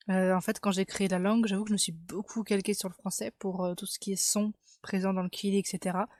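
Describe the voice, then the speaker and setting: A woman's voice: medium pitch, a little mellow, dry recording. Chatty woman explaining, dry close sound. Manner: chatty, filler-heavy, thinking aloud. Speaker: language creator explaining her invented language. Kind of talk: casual explanatory video lesson.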